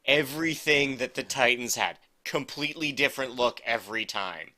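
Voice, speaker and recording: Bright-voiced man co-hosting a casual podcast. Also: mid-range voice, normal speed. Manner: rambling, self-correcting, wry. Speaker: podcast co-host. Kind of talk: casual chat.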